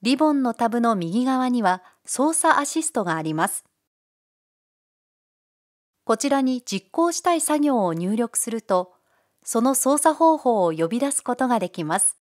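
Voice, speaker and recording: A woman giving calm, polite, step-by-step narration for a software tutorial. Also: fairly high pitch, moderate pace. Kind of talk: scripted screencast narration.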